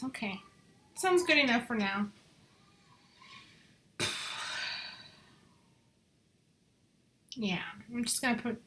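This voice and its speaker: There's a little hiss or hum behind this woman's somewhat high, slightly bright voice as she, a job applicant, explains her design work on a screen recording. Chatty and muttering along, she occasionally uses Spanish phrases.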